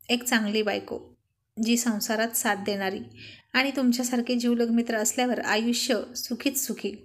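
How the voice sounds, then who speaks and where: Woman reading as a laid-back guy talking straight with his buddy, highish voice. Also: close to an everyday voice. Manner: frank, brushing things off. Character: easygoing young man, loyal friend.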